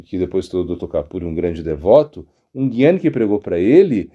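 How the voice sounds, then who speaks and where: Animated monk telling a story. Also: male voice, sits low, fairly quick, dull audio. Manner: animated storyteller, frequent "né?" and restarts. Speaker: monk teaching devotional philosophy. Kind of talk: storytelling spiritual talk.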